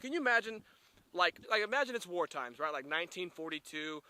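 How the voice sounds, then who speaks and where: A young man talks to camera about relationships in a casual, emphatic way, peppering every thought with "man" and "right?". His voice sits a little high and sounds bright and forceful. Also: animated, fairly quick, clear, resonant tone. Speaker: dating advice vlogger. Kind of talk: casual direct-to-camera advice talk.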